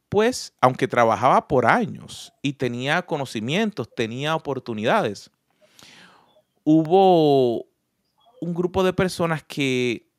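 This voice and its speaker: In studio-quality audio with no room sound, a Puerto Rican man with a somewhat high voice and a Puerto Rican Spanish accent shares personal stories and examples in an earnest, reflective conversation.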